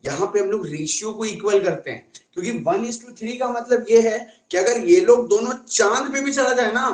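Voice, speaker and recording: A man's voice: high voice, moderate pace, reverberant, rough recording. A man teaching a casual online maths class in a chatty way, often asking his students questions.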